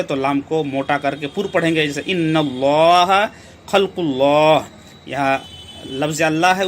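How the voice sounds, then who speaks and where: A man teaching Quran recitation rules step by step. He explains slowly, repeats himself and keeps asking rhetorical questions. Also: a little high, pushed and bright, a little hiss or hum. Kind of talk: step-by-step tajweed lesson.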